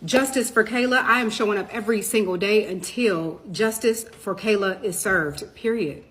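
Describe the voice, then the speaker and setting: A woman's voice: mid-range voice, moderate pace, fairly bright tone. A woman, talking urgently to her viewers and firing off question after question while she does her makeup. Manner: urgent, questioning, addresses viewers as "you guys". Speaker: storytime TikTok creator. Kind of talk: direct-to-camera storytime vlog.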